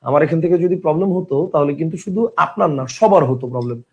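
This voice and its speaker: A man's voice: a little high, fast, a little mellow. A man teaching an online grammar class in a conversational way, repeating his points and asking listeners questions. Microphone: online class host mic.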